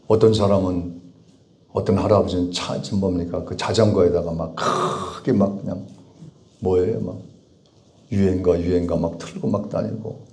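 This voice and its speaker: A man preaching as a pastor, with rhetorical questions, emphatic repetition, and sudden swings from loud pleading to low, quiet asides. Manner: bursts out to dramatize cries, then drops low. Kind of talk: sermon.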